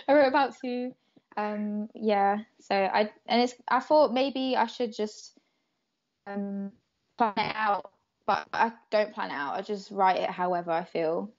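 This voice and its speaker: This young adult woman, a native Croatian speaker, has a medium-pitched and slightly mellow voice as she chats casually as a podcast guest. Frequent laughter punctuates her hesitant phrases and fillers, captured in dull lo-fi podcast sound.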